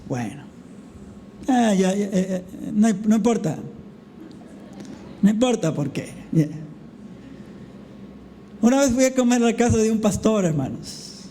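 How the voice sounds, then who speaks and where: A man's voice: sits high, big pitch swings, unhurried, pauses often, dark tone, slight background noise. A male pastor preaching a conversational sermon at a church service, telling a story and often calling the congregation brothers. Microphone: recorded preaching mic.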